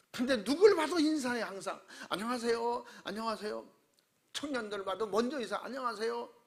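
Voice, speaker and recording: Gravelly high-voiced man preaching a sermon. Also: moderate pace. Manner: animated, acts out quoted voices and shouts. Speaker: pastor.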